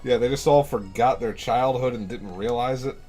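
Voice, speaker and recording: A young man in college giving casual, sarcastic commentary while playing a video game, swearing and thinking out loud. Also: medium pitch, normal speed, soft background music. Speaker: let's play host.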